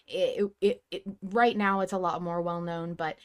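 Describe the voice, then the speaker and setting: A woman in her thirties hosts a laid-back fan discussion podcast, speaking animatedly and emphatically with casual swearing. Her pitch sits fairly low, her pace is moderate, and the tone comes through clean.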